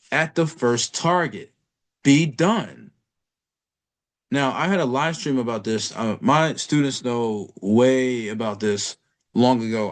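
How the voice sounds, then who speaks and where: A man giving a casual trading lesson over a chart, blunt and profane, talking to the viewer in street slang. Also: medium pitch. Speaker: trading educator.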